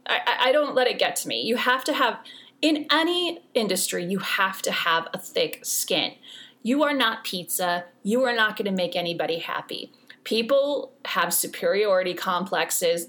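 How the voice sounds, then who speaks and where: A woman in her forties hosts a podcast with a mid-range, slightly bright voice. She gives casual advice in a chatty way, with dry humor and lots of fillers.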